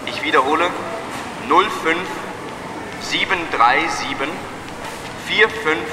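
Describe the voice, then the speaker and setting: Male PA announcer, formal and unhurried, fairly high voice, echoing far-off hall sound. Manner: formal, measured, repeats numbers slowly. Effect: over a PA system. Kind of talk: public announcement. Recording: echoey hall from far off, noisy.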